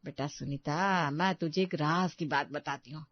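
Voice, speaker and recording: A woman's voice: sits low, steady tone, moderate pace, dry recording, highs cut off, voice pushed down. Old cartoon mother-in-law, woman doing her, scolds and coaxes, dry sound. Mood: coaxing. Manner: scolding yet affectionate. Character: older mother-in-law, fussy and soothing.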